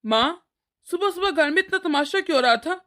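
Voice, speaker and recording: Woman voicing a cartoon man who is cranky and preachy, pitched high and bright. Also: animated, a little fast. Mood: irritated. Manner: annoyed, lecturing. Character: irritable elder brother, adult man, short-tempered.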